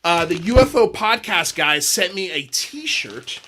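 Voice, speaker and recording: This is a man hosting a podcast livestream, easygoing and talkative, laughing often. His voice sits high for a man and has a bright, forward tone. He is from Miami. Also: animated, unhurried, slight background noise. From Miami, USA. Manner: laid-back, says "dude" often, laughs easily. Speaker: podcast host. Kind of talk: casual livestream chat.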